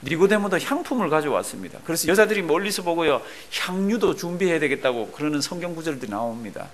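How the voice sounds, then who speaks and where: A man's voice: on the high side, quick pace. A man preaching a sermon in Korean to his congregation, asking them questions and leading them in reading aloud together. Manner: animated, asks the congregation questions, leads group readings. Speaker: pastor.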